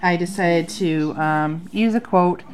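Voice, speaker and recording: With background noise behind her, a bullet-journaling vlogger in her thirties speaks slowly in a fairly low voice, nasal from a sinus infection. She chats casually through her journal at a home desk under an overhead light, filling pauses with um.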